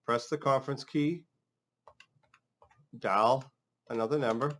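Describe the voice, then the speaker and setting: A man who trains people on phone systems narrates an instructional demonstration, walking through it casually step by step. His mid-range voice is a bit bright and a little slow.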